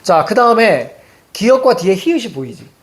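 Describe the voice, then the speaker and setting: A man teaching a Korean grammar lesson, peppering his explanation with quick questions to the class. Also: sits high. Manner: lively, rhetorical questions to students, frequent "자".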